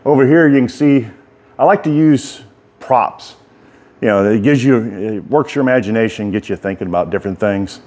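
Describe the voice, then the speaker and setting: Low-voiced American man talking out of his mouth's side. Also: normal speed, darkish tone. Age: middle-aged. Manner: rambling, folksy and informal. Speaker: writer and bladesmith giving a workshop tour. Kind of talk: casual walk-through vlog.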